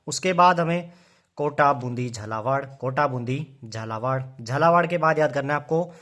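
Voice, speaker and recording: A man's voice: mid-range voice, normal speed, fairly bright tone. A man teaching an exam-prep memory trick, chanting lists of names in rhythm and quizzing the listener. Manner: coaxing, quizzing the viewer.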